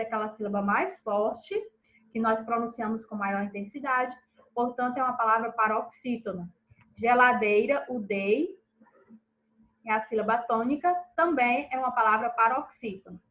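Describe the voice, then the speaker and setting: Woman teacher, high-pitched, recorded lesson, slow clear syllables, checks in with pupils. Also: fairly bright tone, poor audio. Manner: checks in with pupils after each answer; stresses syllables slowly and clearly. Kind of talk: recorded lesson reviewing exercises.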